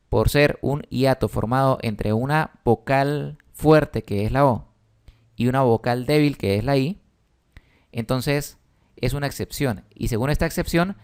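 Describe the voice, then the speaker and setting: A man's voice: mid-range voice, clear, resonant tone. A man, patiently explaining a spelling lesson with emphatic stresses. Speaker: teacher.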